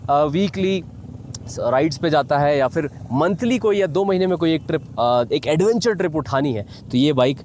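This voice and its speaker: An Indian man reviews something for his viewers in a relaxed motovlogger style, explaining as he goes and slipping English phrases into his speech. His slightly high, lightly mellow voice has lively intonation at a normal pace, recorded amid noticeable outdoor noise in a mountain valley.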